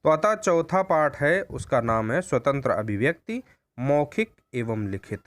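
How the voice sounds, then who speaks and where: A man teaching a recorded lesson on pronunciation, speaking deliberately and repeating points to rephrase them. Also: medium pitch, big pitch swings. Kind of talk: recorded Hindi grammar lesson.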